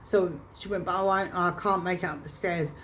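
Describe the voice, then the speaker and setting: Halting woman telling a painful story. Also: fairly low pitch, fairly even intonation, a bit bright, slight background noise. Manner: halting, repeats and restarts phrases. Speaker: vlogger. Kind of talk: personal storytelling to camera.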